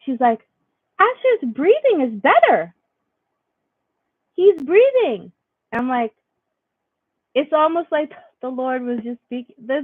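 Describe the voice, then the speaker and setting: A woman's voice: mid-range voice, no echo. Rambling woman vlogger, tinny dry sound. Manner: rambling, filler-heavy storytelling with many restarts. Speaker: faith vlogger. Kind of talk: casual spiritual vlog monologue.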